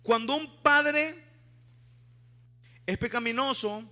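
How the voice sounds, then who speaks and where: Brief: preacher, high, bright and forceful, calls on the congregation. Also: male voice, slow pace. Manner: asks the congregation questions, leads call-and-response. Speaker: pastor. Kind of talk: sermon. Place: church before a congregation.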